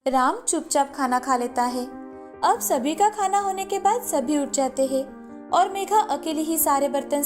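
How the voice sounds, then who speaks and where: A woman narrates a cartoon story in a steady, expressive way. Her voice is high, and soft music runs faintly underneath.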